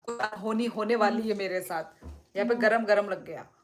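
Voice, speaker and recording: A woman's voice: medium pitch, normal speed, music in the background. A young woman from Tripura, a native Kokborok speaker, chatting casually on a phone livestream, eating and answering viewer comments in a playful, talkative way. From Tripura, northeast India. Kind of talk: casual live chat, reading viewer comments.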